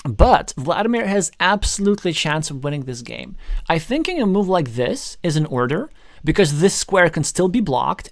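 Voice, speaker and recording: A man whose native language is Russian works as a tournament commentator, analyzing a board game live and thinking out loud as he goes. His voice is fairly high. The audio has studio quality and no room sound.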